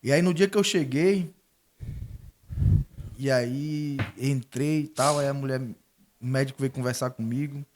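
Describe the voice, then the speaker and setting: A man's voice: medium pitch, a little slow, long pauses, darkish tone, slight background noise. A middle-aged man, a guest telling an emotional faith testimony and acting out the dialogue in his story.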